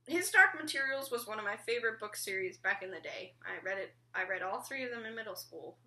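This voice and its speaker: A teenage girl chats through a casual vlog with a bright, clear tone. She rambles, throws in lots of "like" and "um", and swears offhandedly. Her pitch sits in the middle for a woman. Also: lively intonation, a little fast. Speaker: vlogger.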